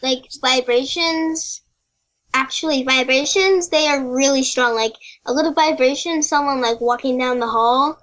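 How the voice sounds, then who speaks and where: 10 yr old girl guest, kinda high voice, rambly chatty storytelling, says like a lot. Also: a little slow, poor audio. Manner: chatty storytelling with many "like" fillers; quotes other kids in lively put-on voices. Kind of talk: casual chat.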